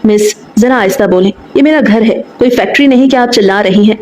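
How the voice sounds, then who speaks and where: A woman's voice: on the high side, fast, a little mellow, echoey room, slight background noise, natural voice. A woman voicing a possessive young man in a romance audiobook, talking in a firm, commanding way. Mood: stern.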